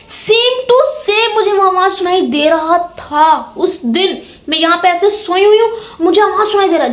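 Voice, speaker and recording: A young woman with a very high voice tells a ghost story in a casual, dramatic way. She piles up repeated words to build suspense. Her voice rings in an echoey room. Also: fairly bright tone.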